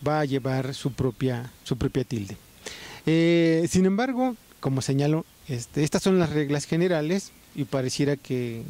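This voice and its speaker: A man with a Mexican Spanish accent teaches in a patient, explanatory way, often pausing on "este" and "eh". His voice sits a little high but sounds mellow and warm. The delivery is unhurried and methodical. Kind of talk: spoken writing lesson.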